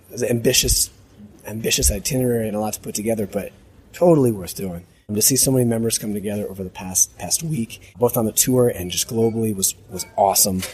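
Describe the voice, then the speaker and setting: A man with a hoarse smoker's rasp, talking as host in a casual, reflective, off-the-cuff audio diary and often repeating a phrase as he goes. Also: fairly low pitch, a little mellow. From United States. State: hoarse voice from a long trip. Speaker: podcast host.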